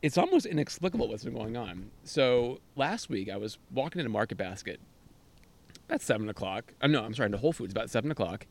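A man's voice: fast, vocal fry. A man hosting a casual podcast, telling stories animatedly on an outdoor deck. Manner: animated storyteller, jumps to high pitch for quoted reactions. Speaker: podcast host. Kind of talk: casual chat.

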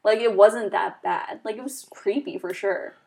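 A woman in a casual movie discussion, talking in a relaxed, conversational way with quick reactions. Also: mid-range voice, vocal fry.

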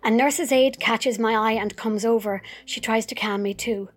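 An actress narrating a personal memoir in a wry, vivid way, with sudden outbursts. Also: female voice, fairly high pitch, fairly even intonation, normal speed.

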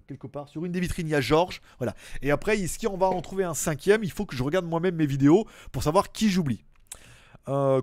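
A man hosting a casual live stream, his voice sitting a little high for a man. He jokes easily and greets viewers one by one. The sound is dry and close, with no room echo. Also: darkish tone. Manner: chatty, joking, greets viewers by name.

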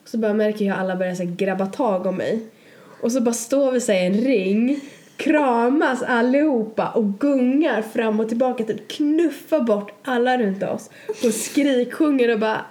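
A woman's voice: on the high side, a little mellow. A young woman casually telling a long story on a podcast, rambling with many fillers and acted-out quotes. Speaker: podcast co-host.

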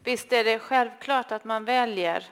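A woman's voice: on the high side, a bit bright, clear, resonant tone. A woman host chatting thoughtfully about a passage that was just read. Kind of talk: casual chat about literature.

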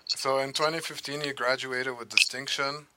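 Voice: medium pitch, steady tone, moderate pace, a crowd in the background. An interviewer asking questions and prompting a guest with short affirmations. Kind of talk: conversational interview.

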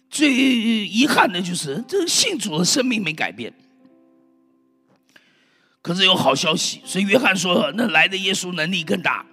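Brief: high, husky male preacher, emphatic and fervent, calling to the congregation; hall echo, faint music behind. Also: pushed and bright. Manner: emphatic, exclaims and calls out to the congregation. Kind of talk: fervent sermon.

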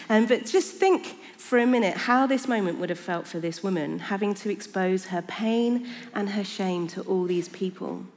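Woman preacher, lowish voice, earnest and reflective, church hall reverb. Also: a little mellow. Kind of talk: sermon.

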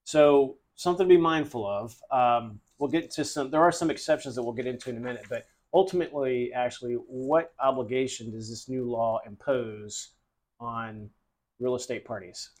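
A man's voice: mid-range voice, moderate pace, a little mellow. A man hosting a podcast, explaining steadily in casual chat with the odd filler. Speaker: podcast host.

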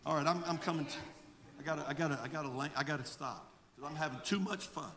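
A male pastor preaching a sermon with fervor, moving between shouted exhortation and quiet storytelling. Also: fairly high pitch, fast talker, big-room sound, over a noisy crowd. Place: church sanctuary.

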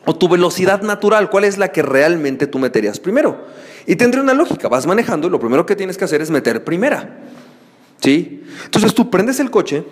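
In a space that sounds like a big room, a fairly high-pitched man runs a solo podcast. His talk is lively and playful as he tells a story and voices his shouting friends.

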